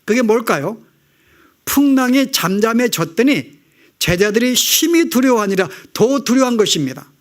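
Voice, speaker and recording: A man's voice: sits high, lively intonation, brisk. A male pastor preaching a sermon to his congregation, asking rhetorical questions and acting out the prayers of worried believers.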